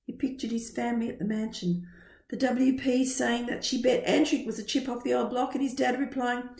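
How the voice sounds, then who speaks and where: A woman narrating a children's science-fiction story as an audiobook reading, with expressive, even storytelling. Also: fairly high pitch, brisk, creaky. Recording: roomy echo.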